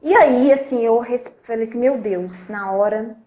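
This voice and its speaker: A woman coach, telling a story in a lively chat and acting out the dialogue. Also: on the high side, moderate pace. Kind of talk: live-stream conversation, storytelling. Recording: dull lo-fi live-stream audio.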